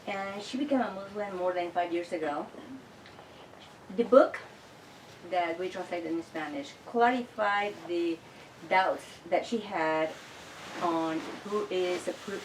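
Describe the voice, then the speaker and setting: Low-voiced woman interpreting, echoey room. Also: slight background noise. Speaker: organizer and interpreter. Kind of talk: introducing and translating. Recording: echoey room, distant mic.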